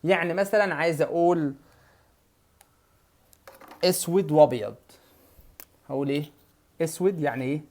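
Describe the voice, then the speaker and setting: A man's voice: fairly high pitch, a little fast, pauses often. Young egyptian guy teaching english words, casual, says everything over and over. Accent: Egyptian Arabic. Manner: repeats words and drills the learner, varying his loudness. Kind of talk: casual classroom lesson.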